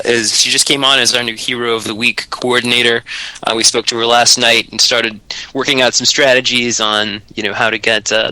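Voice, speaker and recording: Bright, enthusiastic male co-host. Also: on the low side, clear, resonant tone, dry recording, poor audio. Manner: enthusiastic, full of fillers and repeats. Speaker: radio co-host and volunteer. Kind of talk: casual talk radio chat.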